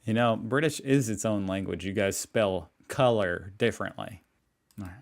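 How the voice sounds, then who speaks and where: A man hosting a reaction video, delivering sarcastic, deadpan commentary. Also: lowish voice, moderate pace, creaky.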